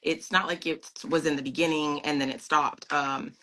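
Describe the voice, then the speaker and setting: A woman's voice: deep voice, steady tone, normal speed, a bit bright, rough recording. A woman guest on a video call, telling her story in an earnest, emphatic and reflective way. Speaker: pageant titleholder guest. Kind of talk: storytelling in an interview.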